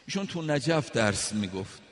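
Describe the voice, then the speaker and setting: A man's voice: mid-range voice, sing-song, big-room sound. A man from Iran giving a sermon, telling stories in a conversational way and quoting verses. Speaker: preacher.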